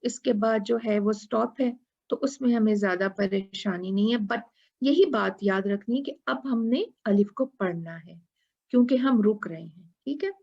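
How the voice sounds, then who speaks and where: A woman teaching a tajweed lesson who explains patiently, asks her students questions and chants Quran verses in a drawn-out style. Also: mid-range voice, vocal fry, darkish tone, dull audio.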